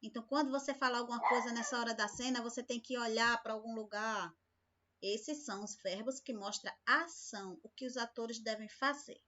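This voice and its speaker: A woman's voice: fairly high pitch, steady tone, a little fast, sharp tone, highs cut off, a little hiss or hum. A woman teacher giving a recorded remote lesson, patient and speaking to the class with many questions. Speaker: school teacher.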